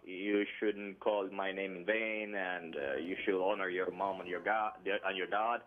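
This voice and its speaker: This caller, a man from Colombia, has a low, steady voice and speaks a little slowly. He stumbles through his call-in chat with many fillers and restarts in a Colombian Spanish accent, heard over a tinny phone connection.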